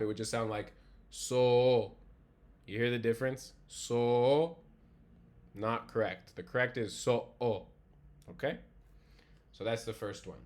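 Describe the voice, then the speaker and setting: A man teaching a language class over a video call, explaining casually and repeating words slowly to show how they sound. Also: mid-range voice. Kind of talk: online class lecture.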